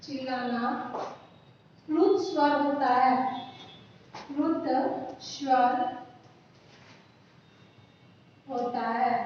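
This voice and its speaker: A high-pitched woman gives a slow, deliberate grammar lesson. She says each phrase again and again, as if for dictation. Her voice sits far from the mic in a very roomy, reverberant hall, with a dull, faint hiss behind it. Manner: repeats phrases slowly for dictation. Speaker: Sanskrit teacher.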